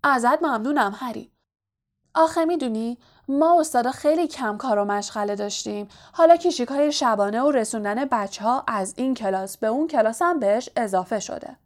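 A woman's voice: fairly high pitch, close to an everyday voice. A woman doing a smug vain wizard teacher. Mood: self-satisfied.

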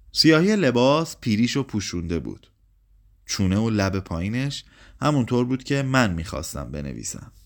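A man narrating a literary short story in a calm, measured, subdued way. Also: fairly low pitch.

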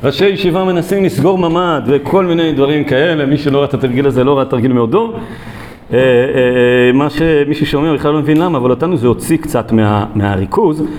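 A man giving a recorded Torah lesson, speaking haltingly with many drawn-out filler sounds. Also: medium pitch, darkish tone. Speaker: Torah teacher.

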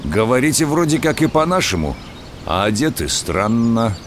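Guy acting suspicious tsarist soldier, folksy barked orders, animated pitch, radio drama with noise behind. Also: moderate pace, close to an everyday voice. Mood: stern, suspicious. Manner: barking orders, folksy old-fashioned speech. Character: gruff, suspicious soldier of Peter the Great's guard.

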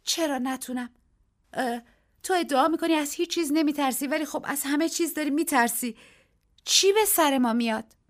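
A woman reading the part of a frightened young woman in a radio story, her lines high and agitated. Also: expressive. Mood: despairing. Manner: high-pitched and agitated, rising to cries.

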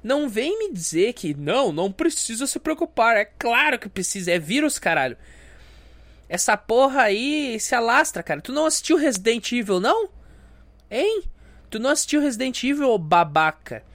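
A man's voice: very high-pitched, big pitch swings, moderate pace, fairly bright tone. A young man with a stuffy nose, hosting a crude, self-mocking comedy podcast rant. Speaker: podcast host.

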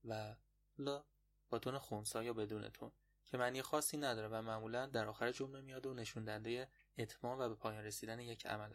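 Male podcast tutor, mid-pitched, patient explainer, slows down for repeats. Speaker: Chinese language teacher. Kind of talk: podcast language lesson.

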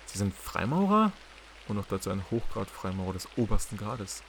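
A man's voice: on the low side, level tone, brisk, creaky, darkish tone, a little hiss or hum. A man voicing an indignant young woman scientist in an audiobook, speaking raised and insistent. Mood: pressing. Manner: raised, insistent, stumbles when upset. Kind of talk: audiobook character reading.

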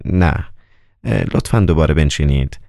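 A man voicing a stern, anxious male Roman governor who questions in a hoarse, measured, formal way. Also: rumbling low, expressive, warm tone, no echo, studio quality, exaggerated voice.

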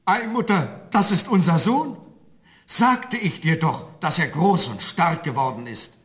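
A man's voice: fairly high pitch, expressive, measured pace, a bit bright. An actor playing a farmer who is the father of a giant son, in a radio play. He talks in an insistent, matter-of-fact way. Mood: resigned.

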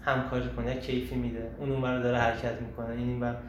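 A man hosting a casual group talk on personal growth, animated and emphatic, often asking rhetorical questions. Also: medium pitch. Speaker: host leading a group discussion. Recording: echoey room, far from the mic, faint noise.

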